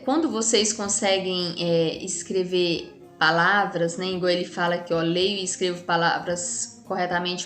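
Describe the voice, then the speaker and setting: A woman's voice: medium pitch, a bit bright. Chatty Brazilian woman teaching. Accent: Brazilian Portuguese. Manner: chatty, frequent tag questions. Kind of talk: casual classroom explanation. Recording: echoey room with faint music.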